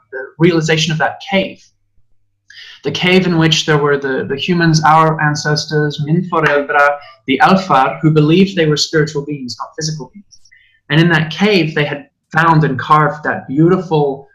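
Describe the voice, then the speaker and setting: Higher-voiced man, earnest spiritual talk. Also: fairly bright tone, highs cut off. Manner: earnest, passionate, occasional swearing. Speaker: spiritual teacher. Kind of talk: conversational podcast chat.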